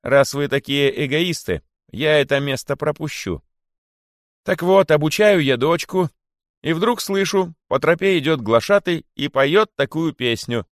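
A man doing a shrill, gossipy she-monkey. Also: lively intonation, unhurried, no echo, studio quality. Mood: eager storytelling. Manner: shrill, shouting, chattering. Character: excitable female monkey, gossipy and loud. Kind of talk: audiobook character voice.

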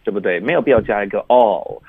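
A man teaching English pronunciation on a radio show, relaxed and repeating example phrases. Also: fairly low pitch, quick pace, breathy edge. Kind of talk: explaining pronunciation in a radio lesson. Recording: phone-like narrow band sound.

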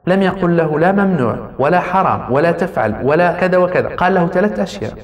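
A man's voice: high-pitched, animated, fast talker. A man giving a lecture on raising children, speaking straight to his listeners and repeating key phrases for emphasis. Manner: addresses listeners directly with rhetorical repetition. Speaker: parenting lecturer. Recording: roomy hall with long reverb.

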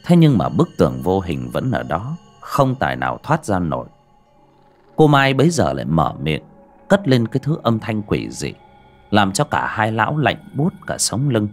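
A man reads a spooky story aloud in a fairly low voice that swings widely in pitch as he dramatizes each scene. Faint music plays quietly behind the narration. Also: wildly swooping pitch, moderate pace. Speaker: audiobook narrator. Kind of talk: scripted horror story narration.

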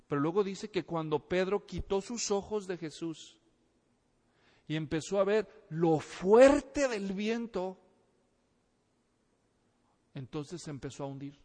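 A man preaching a sermon, telling a story in a lively way, acting out the voices and asking the congregation questions. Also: high voice, takes it slowly, long pauses. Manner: animated storytelling, acts out voices, asks the audience questions. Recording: reverberant hall.

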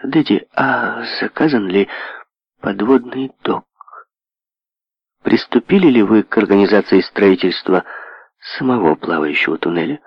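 A man reading an audiobook, raising his voice to play a willful, demanding young heiress who speaks with sharp emphasis. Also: fairly low pitch, a little slow, pauses often, husky, dry recording. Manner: demanding, emphatic, swinging to soft. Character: willful rich young woman, heiress, imperious. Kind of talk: audiobook character voice. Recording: dull lo-fi audio.

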